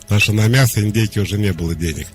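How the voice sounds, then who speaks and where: A man hosting a radio call-in show as a psychologist, calmly explaining and giving direct advice. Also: on the low side, rapid-fire, faint music behind.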